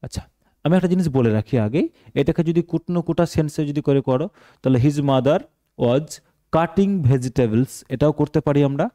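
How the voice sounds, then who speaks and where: A man's voice: on the high side, moderate pace, warm tone. A male teacher, explaining a translation lesson step by step and posing questions to the class that he answers himself. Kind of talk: translation lesson for exam students.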